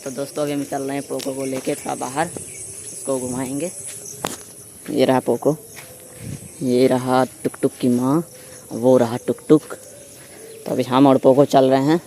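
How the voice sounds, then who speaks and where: A man's voice: medium pitch, flat delivery, a little slow, pauses often, warm tone, slight background noise. A young man chatting casually through a vlog while walking his dog and studying, often repeating words as he calls the dog along. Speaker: vlogger. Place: outdoors on wet streets and at home.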